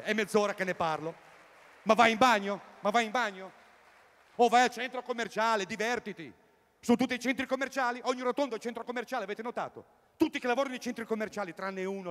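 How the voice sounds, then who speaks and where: A man doing a rambling stand-up comedy routine at a live concert, swinging between loud bursts and mutters. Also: high-pitched, fast talker, in a large hall. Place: outdoor tennis courts at a live event.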